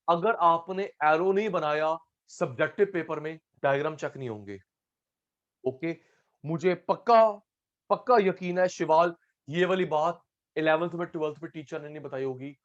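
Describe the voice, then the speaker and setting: Male teacher, higher voice, repeats himself patiently, muffled lo-fi mic. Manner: repetitive, coaxing, addresses students by name. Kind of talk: online class lecture.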